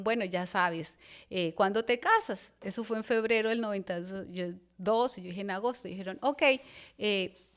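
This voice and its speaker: A woman, a pastor telling a personal testimony on a podcast, a lively storyteller who voices the people in her story. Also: medium pitch.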